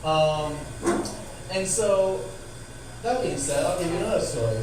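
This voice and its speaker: A man's voice: on the high side, a little slow. A man doing casual stand-up storytelling in a conversational, slangy, swearing manner. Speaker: stand-up comedian. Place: live comedy venue. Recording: echoey room, distant mic, noisy.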